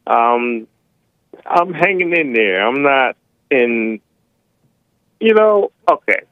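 A man's voice: mid-range voice, lively intonation, slow, no room sound. Slurring man on a narrow phone line. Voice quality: slightly slurred articulation with slushy s sounds. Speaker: caller to a talk show. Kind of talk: casual phone-in talk.

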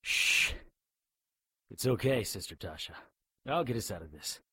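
Husky, wry survivor. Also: male voice, lowish voice, expressive, measured pace, sharp tone, heavily acted. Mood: tense, guarded. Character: amnesiac, blunt, wry man leading frightened survivors. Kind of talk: audio drama acting.

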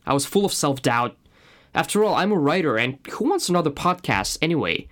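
A man's voice: fairly high pitch, sing-song, fairly quick, fairly bright tone. A man from Russia with a Russian accent and native Russian, speaking as a podcast host in an earnest, personal scripted monologue.

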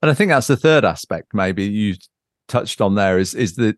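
A podcast host with a fairly low, expressive voice chats casually and unscripted about board games at normal speed. He thinks aloud, often hunting for the right word, and the recording is dry with no room sound.

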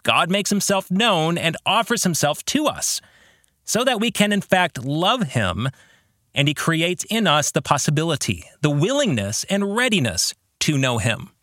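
A man with a fairly high, bright, forceful voice hosts a theology-teaching book podcast, sounding very animated but speaking a little slowly. In an academic, emphatic way he explains ideas, reads quotations aloud, and asks the listener reflective questions. The audio is clean studio sound with no room sound.

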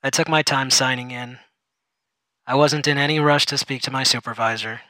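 A man's voice: mid-range voice, fairly even intonation, moderate pace, pushed and bright, no room sound, rough recording. A man reading a first-person story aloud in a sardonic, bitter manner.

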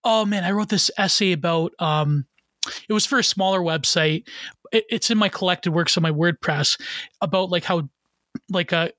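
High-voiced man rambling in casual talk. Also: moderate pace, a bit bright, no room sound. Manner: rambling, many fillers and restarts. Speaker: podcast guest, artist. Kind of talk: casual podcast conversation.

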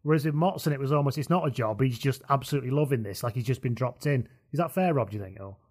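A man hosting a casual football podcast chat, talking in a relaxed way and laughing often. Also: mid-range voice, fast. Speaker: podcast host.

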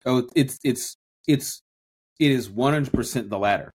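A podcast co-host thinks out loud in a loose, casual discussion, often restarting sentences and drawing out key phrases as he works toward his point. His voice is medium-pitched with a breathy edge, at a normal speed.

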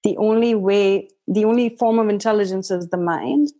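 Her voice is medium-pitched with a dark tone: an Indian healing facilitator guesting on a podcast. She reflects casually and without hurry, leaning heavily on "like" and breaking into laughter easily.

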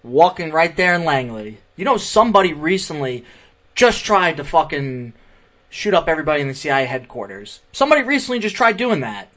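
A man's voice: a little high, very animated, brisk, fairly bright tone. A man hosting a political commentary podcast. He rants heatedly and profanely, repeating his points. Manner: heated, profane, repetitive ranting. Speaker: podcast host. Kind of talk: political commentary over clips.

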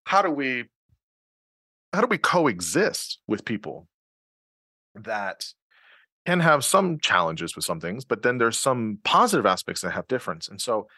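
A man's voice: medium pitch, very animated, unhurried, pauses often, pushed and bright, husky, no echo, clean studio sound. A man hosting a podcast interview, thinking aloud with many fillers and restarts. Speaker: podcast host. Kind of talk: conversational interview.

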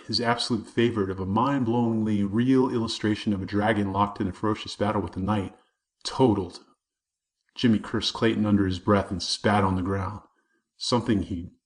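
A man narrating a children's chapter book in a vivid storytelling manner. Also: fairly low pitch. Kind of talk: audiobook narration.

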